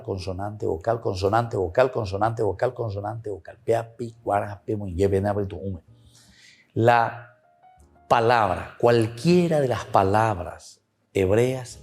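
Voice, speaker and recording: A male priest, teaching the Bible to listeners he calls dear friends, repeating his words as he explains. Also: on the low side. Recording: soft music behind.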